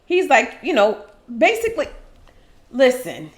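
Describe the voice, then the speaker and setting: A woman co-hosting a podcast, chatting in a lively, slangy way. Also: high-pitched, a little slow. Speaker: podcast co-host. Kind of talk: casual chat.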